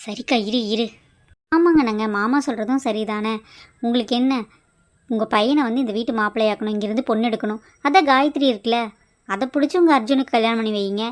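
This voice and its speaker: A woman voicing a scheming stepmother in a cartoon who speaks slowly and dismissively. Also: fairly high pitch, close to an everyday voice. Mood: sly. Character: scheming stepmother, sly and bossy. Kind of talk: cartoon voice acting.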